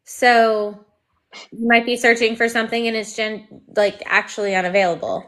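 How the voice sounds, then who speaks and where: A woman's voice: a little high, flat delivery, normal speed, a bit bright. A woman co-hosting a live stream on education advocacy, chatting in an easygoing, rambling way. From lives in Georgia. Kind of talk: casual chat.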